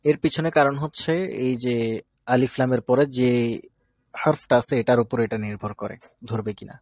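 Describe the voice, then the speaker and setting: A man's voice: medium pitch, normal speed, a little mellow, no room sound. A man from Bangladesh teaching an online Arabic class, explaining step by step and often checking that students follow. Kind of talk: live online class lecture.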